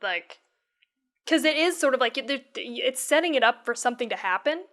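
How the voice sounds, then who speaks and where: A woman co-hosting a podcast, talking casually with halting restarts and frequent swearing. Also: high voice, lively intonation, a bit bright. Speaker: podcast co-host. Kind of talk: casual chat about a horror film.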